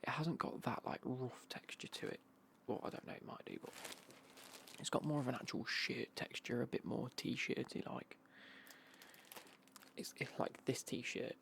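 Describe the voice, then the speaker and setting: Whispering British man with heavy creak. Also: steady tone, normal speed, a little hiss or hum. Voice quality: breathy, hushed whisper with creaky low murmur. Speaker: ASMR vlogger showing golf clothing. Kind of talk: whispered ASMR unboxing, casual chat.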